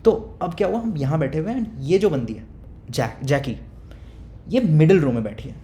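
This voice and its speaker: A young man casually telling a storytime, animated and acting out his friends' lines, then dropping to low mutters. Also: normal speed. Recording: echoey room with faint rumble.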